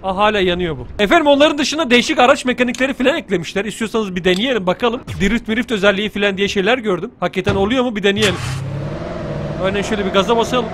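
A man doing playful let's play commentary, joking and teasing with excitable outbursts. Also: sits high, rapid-fire, slight background noise. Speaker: gaming YouTuber.

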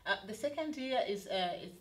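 A middle-aged woman from Tanzania, a study advisor, explaining a study programme in an interview with frequent pauses and fillers. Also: on the high side, animated. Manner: hesitant, many fillers and restarts. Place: studio set, indoors.

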